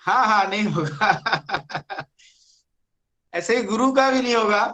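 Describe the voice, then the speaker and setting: Grammar teacher, online class lecture, very unhurried delivery, repeats key words. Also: mid-range voice, sharp tone, rough recording.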